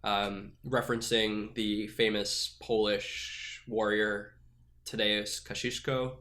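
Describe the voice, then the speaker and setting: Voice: mid-range voice, flat delivery, slow, fairly bright tone. A podcast host in casual chat who leads the show and tosses in dry, teasing quips.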